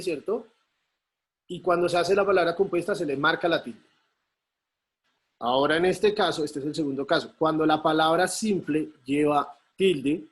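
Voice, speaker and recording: A male teacher, patiently explaining a lesson over a video call and often checking in with his students. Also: a little high. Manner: patient, checks in with frequent tag questions. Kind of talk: online class explanation.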